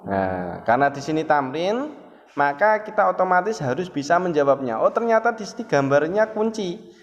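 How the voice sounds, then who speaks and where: A man's voice: a little high, very animated, normal speed. A man patiently teaching a beginners' Arabic lesson step by step, prompting a student to read along. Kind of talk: classroom explanation with a student. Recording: roomy, dull lo-fi with faint ambience.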